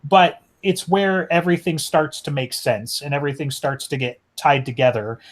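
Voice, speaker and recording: A man's voice: on the high side, normal speed. A man in the middle of a casual podcast discussion about a book. He rambles, stops himself and restarts his sentences, filling gaps with plenty of "like" and "you know". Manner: rambling, many fillers and restarts. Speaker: podcast co-host.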